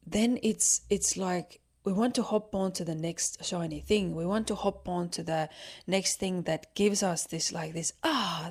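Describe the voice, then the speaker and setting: A woman's voice: on the low side, gravelly, a little mellow. A woman hosting a solo motivational podcast, talking earnestly and encouragingly with lots of "like" and "um" fillers. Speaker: podcast host.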